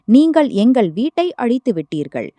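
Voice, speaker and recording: A grieving older mother from a storybook tale, pleading and reproachful, as a woman narrator voices her. Her voice moves through a lively pitch range with a warm, dark tone. It is recorded dry and close. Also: moderate pace, no echo. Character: grieving older mother, long-suffering and tearful.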